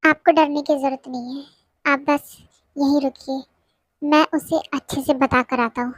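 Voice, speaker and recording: A man's voice: very high-pitched, fairly even intonation, a little slow, fairly bright tone, no echo, pitched below the performer's own voice. A reader doing a furious, protective young man. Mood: threatening. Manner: threatening, protective.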